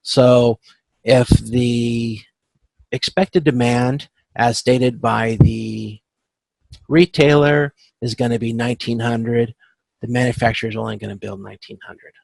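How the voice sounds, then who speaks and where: A male supply chain management instructor with a creaky, gravelly, middling-pitched voice walks through spreadsheet calculations in an informal lecture over an online video conference with screen share. He's halting, corrects himself, and often asks "okay?", in a steady, darkish tone. The low-quality recording is dry and close with no room sound.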